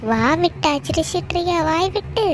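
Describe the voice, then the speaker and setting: A woman with a Kanyakumari Tamil accent voicing a fiery, sharp-tongued village housewife in a cartoon, scolding and threatening. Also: very high voice, animated, background noise. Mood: furious. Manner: scolding, threatening, fast temper.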